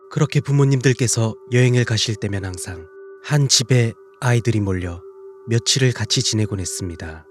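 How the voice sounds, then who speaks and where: A man narrating a first-person horror story in a scripted style, dropping to a hushed, low voice at tense moments.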